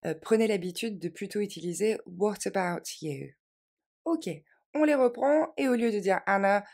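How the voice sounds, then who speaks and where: A French-speaking woman teaching English in a video lesson, modelling phrases slowly and clearly for learners to repeat. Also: medium pitch, darkish tone. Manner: clear, instructive delivery with drills.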